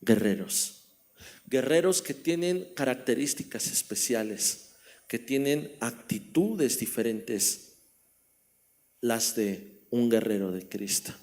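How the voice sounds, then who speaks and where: A man's voice: medium pitch, lively intonation, slow, a little mellow. A man with a Mexican Spanish accent preaching a sermon as pastor, telling a story and asking the congregation questions. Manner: storytelling, repeats phrases, asks the congregation questions. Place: church hall.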